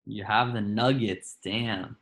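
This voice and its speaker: A young man co-hosting a casual sports chat, relaxed and hesitant, with lots of fillers and slang. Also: lowish voice, slow. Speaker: co-host.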